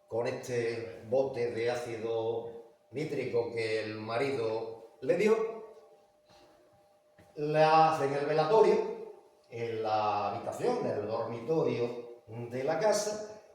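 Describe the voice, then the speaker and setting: A man's voice: mid-range voice, darkish tone, a little hiss or hum. A man with an Andalusian Spanish accent giving a public talk about local history and legends, in a conversational manner that often asks the audience questions. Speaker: lecturer. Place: large echoey palace hall. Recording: echoey hall from far off.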